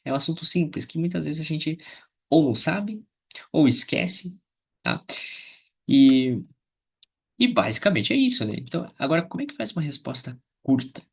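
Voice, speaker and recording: A man teaching English grammar, slowly drilling example phrases and checking in with the learners often. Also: medium pitch, creaky, a bit bright, breathy edge. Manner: slow deliberate drilling of example phrases, frequent "né?" and "tá?".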